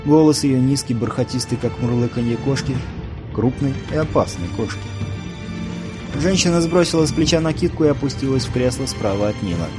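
A man narrating a fantasy novel as an audiobook reader, in a measured storytelling manner. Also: mid-range voice, over music.

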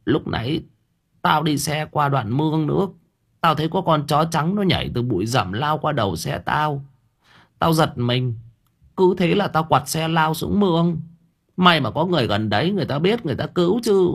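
A sharp-tongued middle-aged landlady, put on by a man, her voice pushed high and a bit husky. She scolds bluntly and crudely, her pitch leaping all over. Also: lively intonation, normal speed, heavily acted. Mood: shaken.

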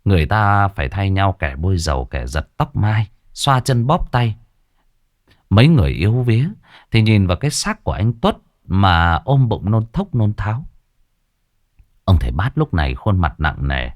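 A man's voice: lowish voice, very animated, normal speed. A man narrating a horror story with dramatic expression.

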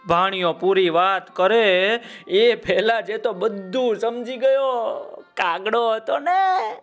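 A man telling a children's folk tale, lively and speaking straight to his listener. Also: high-pitched, slow, faint music behind. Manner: lively, addresses the listener directly. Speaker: storyteller.

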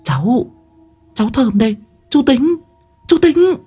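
A man voicing a young village woman who speaks in a high falsetto. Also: big pitch swings, measured pace, mellow, breathy edge, faint music behind, exaggerated voice. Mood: pleading laugh. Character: young village woman, half laughing, reassuring.

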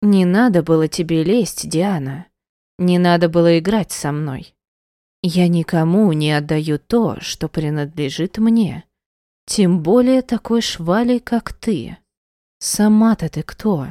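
A woman reading the part of a cold, unhinged jealous wife in an audiobook, her lines icy, contemptuous and hissing, a little higher and louder than her narration. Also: slow, no room sound, clean studio sound. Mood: cold menace.

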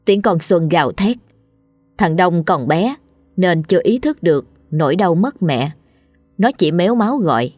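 A woman storyteller narrating a scripted ghost story in a steady, grave way. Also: on the low side, moderate pace, dry recording, faint music behind.

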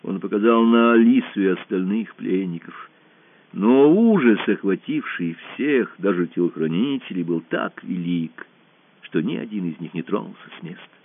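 A man's voice: deep voice, lively intonation, normal speed, no room sound. A man narrating an audiobook story expressively. The sound is dry and tinny.

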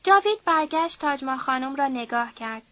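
High-voiced woman narrating a novel. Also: animated, no room sound, dull audio. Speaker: audiobook narrator. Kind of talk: dramatic novel reading.

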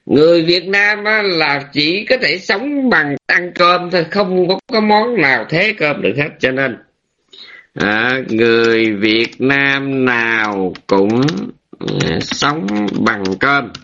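Monk, muffled lo-fi audio. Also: male voice, fairly high pitch, sharp tone. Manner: drawn-out phrases with many hesitant fillers; rhetorical questions to listeners. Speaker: Buddhist monk teacher. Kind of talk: Buddhist dharma talk. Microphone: online room.

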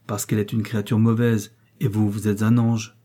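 Male narrator as a cold aristocratic prince, curt and controlled, with a dark husky voice. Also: lowish voice, flat delivery, moderate pace, lightly acted.

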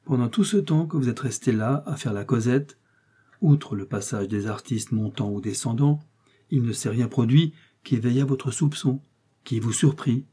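A man reading aloud, voicing a calm, shrewd detective who questions precisely and insistently. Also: medium pitch, normal speed, breathy edge, natural voice. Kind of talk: audiobook reading.

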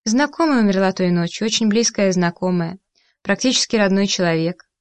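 A woman voicing a reserved, grieving man who speaks slowly and thoughtfully in an audiobook. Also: mid-range voice, no room sound, close to an everyday voice. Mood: somber. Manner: slow and thoughtful.

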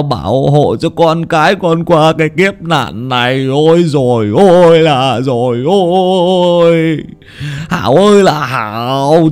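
A man's voice: a little high, clean tone, pitched above the performer's own voice. A man voicing a distraught old village man who cries out in lament.

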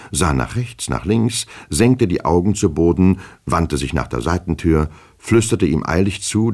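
A man reading a classic novel aloud, measured and expressive. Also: extremely low pitch. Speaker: reader. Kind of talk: literary audiobook reading.

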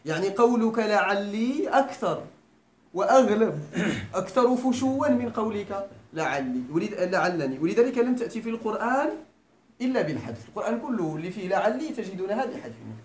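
A man with a Moroccan Arabic accent teaches grammar in a Quran school lecture room, asking students frequent questions to see that they follow along. His voice sits high and has a sing-song lilt at a slightly quick pace. Faint background noise and room echo are audible.

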